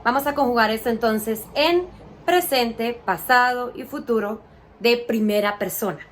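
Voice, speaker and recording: A woman teaches young children in a slow, patient way, asking questions and cheering the right answers. Her voice sits a little high. Faint background noise runs under the recording. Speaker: primary school teacher.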